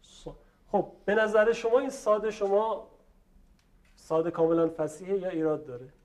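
Middle-aged male teacher in a classroom, higher-pitched voice, patient and explanatory, demonstrates each sound slowly. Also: steady tone. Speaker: Quran recitation teacher. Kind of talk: classroom tajwid lesson.

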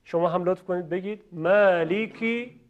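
A man from Iran teaching Quran recitation in a lesson, patiently demonstrating how sounds are made and asking viewers to repeat after him. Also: high-pitched. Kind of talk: classroom-style lesson. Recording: dull lo-fi recording.

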